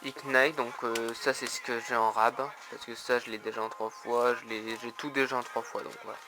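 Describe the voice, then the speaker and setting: A man chatting casually on video as he shows his trading cards, halting with many fillers and repeating the same stock phrase again and again. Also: mid-range voice, little pitch movement. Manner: keeps repeating "donc voilà", a tic he admits to. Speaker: trading card collector showing his trade binder.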